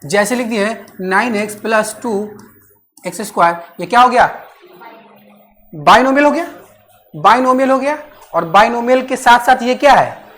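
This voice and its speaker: A woman with a fairly high voice teaches maths in class. She keeps checking that the students understand and, while dictating, repeats phrases slowly.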